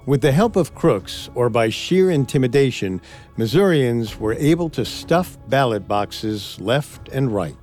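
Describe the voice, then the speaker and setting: Unhurried and animated, a man with a medium-pitched, darkish voice co-hosts a history podcast, reading from a script and voicing quotes dramatically. Faint music plays in the background.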